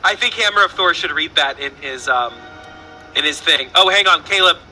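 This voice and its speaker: A Southern man hosts a relaxed online trivia show, his fairly high voice ringing very bright at a normal pace. He rambles playfully, tripping over fillers and restarting sentences, with faint music behind him on a low-quality recording.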